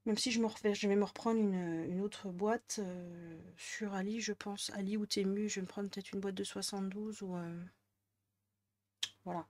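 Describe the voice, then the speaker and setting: Woman, northern French accent, casual rambling vlog chat, mid pitch. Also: steady tone, normal speed, darkish tone. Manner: rambling, chatty, many fillers. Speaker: crafting vlogger.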